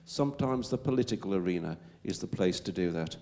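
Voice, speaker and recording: A man's voice: deep voice, expressive, fairly quick, a little mellow. A man with a Wolverhampton accent answering as a panel speaker at a public Q&A, emphatic and stumbling over repeated words.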